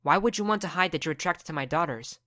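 A woman voicing a kind, grateful older man who speaks calmly and earnestly. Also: deep voice, fast talker, no echo, clean studio sound.

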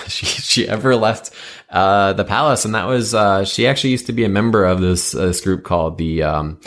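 Casting: male game master, lowish voice, casual improvised narration for tabletop fantasy play. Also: normal speed, fairly bright tone.

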